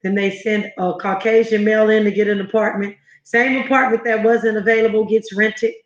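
A woman in her fifties from Southern California, a guest in an interview conversation, tells her story earnestly and emphatically. Her voice is medium-pitched and level, at a moderate pace, and the recording sounds roomy and a bit muffled.

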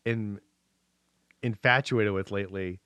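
A man's voice: on the low side, fairly even intonation, a little slow, fairly bright tone, clean tone, dry recording. A man from the US Pacific Northwest co-hosting a podcast in easygoing, rambling casual chat. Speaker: podcast co-host.

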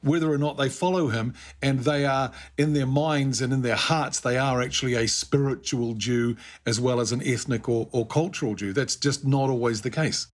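A man's voice: medium pitch, fairly even intonation, normal speed, hardly any pauses. A man in casual conversation about faith, chatting easily and telling a personal anecdote.

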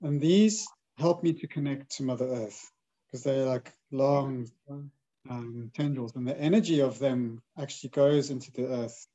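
A man's voice: mid-range voice, unhurried, low-quality recording. A man hosting a spiritual conversation, earnestly agreeing and musing about energy and healing. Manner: soft affirming backchannels, earnest. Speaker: podcast host.

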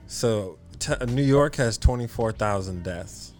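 A man's voice: lowish voice, animated, unhurried, darkish tone, faint music behind. A man co-hosting a casual podcast chat, joking and laughing at his own remarks. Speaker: podcast co-host.

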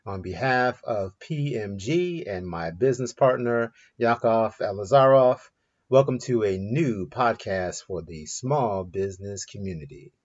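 A man's voice: fairly low pitch, expressive, unhurried. A man delivering a formal scripted podcast introduction in an announcer-like manner, as the host. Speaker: podcast host, company principal. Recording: dull, lo-fi sound.

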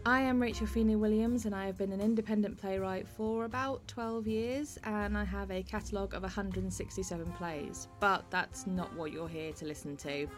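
A British-accented woman hosts a podcast with a medium-pitched, steady voice at a moderate pace, pausing little while faint music plays behind her. Her manner is wry and self-deprecating, mixing a scripted introduction with a friendly, chatty interview.

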